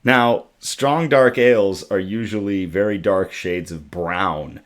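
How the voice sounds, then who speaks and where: Deep-voiced and raspy, a tired-sounding man slowly hosts a laid-back good-news livestream from his home setup. Using a desktop USB microphone, he chats with many ums and reads viewer comments aloud.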